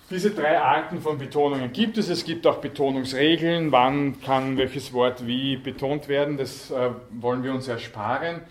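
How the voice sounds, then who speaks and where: A man gives a university lecture in a roomy hall, heard from some distance away. He explains step by step, stopping often to correct himself and fill pauses. A faint hiss sits under the recording. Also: on the high side. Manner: explanatory, with frequent fillers and self-corrections.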